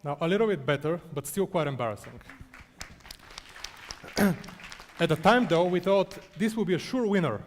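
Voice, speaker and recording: Man from bulgaria, founder telling a self-mocking story on stage, slightly high voice. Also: animated, normal speed, pauses often, a faint crowd, a little hiss or hum. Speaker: startup founder presenting. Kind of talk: conference talk.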